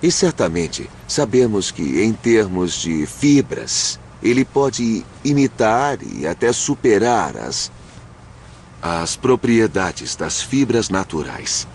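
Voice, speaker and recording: A man's voice: on the low side, sing-song, takes it slowly, darkish tone, a little hiss or hum, exaggerated voice. A man with a Brazilian accent dubbing an enthusiastic male scientist who explains chemistry conversationally in a documentary interview. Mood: enthusiastic, explanatory. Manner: asks and answers own questions. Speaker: dubbed expert interviewee.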